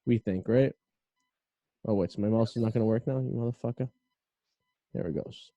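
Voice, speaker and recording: A man's voice: mid-range voice, moderate pace, mellow, no echo, lo-fi sound. A man hosting a show, bantering and interviewing a guest in a casual, conversational style. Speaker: podcast host.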